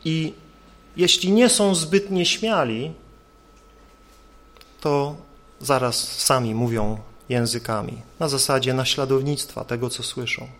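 A man's voice: medium pitch, slow, long pauses, fairly bright tone. A male preacher delivering an earnest sermon, building his points with rhetorical questions.

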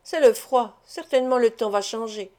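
A woman's voice: a little high, normal speed, a little mellow, lightly acted. Furious proud man, harsh outbursts, read by a woman narrator. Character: angry proud man, a lawyer.

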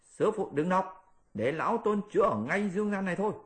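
A man voicing a boastful, mischievous male monkey king with a shrill, bossy, teasing manner in an audiobook. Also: lively intonation, brisk. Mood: pleading. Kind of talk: audiobook character voice.

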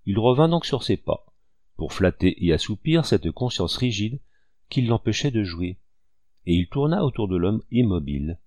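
A man reading an old storybook aloud in a measured, expressive way. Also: on the low side, no room sound. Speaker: audiobook reader.

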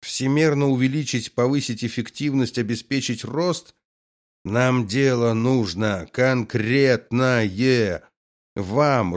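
A man's voice: medium pitch, voice pushed up, close to an everyday voice. A man reading the part of a blunt, scornful army colonel who scolds and gives firm orders.

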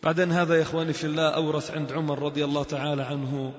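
A man with a Levantine Arabic accent giving a colloquial mosque sermon, swinging between hushed asides and loud exhortation. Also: a little high, flat delivery, very fast. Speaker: preacher. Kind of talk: sermon with storytelling. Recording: echoey mosque hall, dull lo-fi.

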